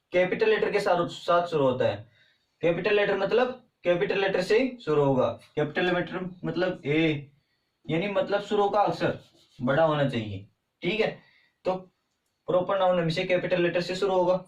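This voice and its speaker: A man with an Indian accent teaching a grammar lesson, often asking questions and answering them himself. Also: high voice. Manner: repetitive, asks and answers own questions. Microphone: far from the mic. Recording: roomy, distant, dull sound.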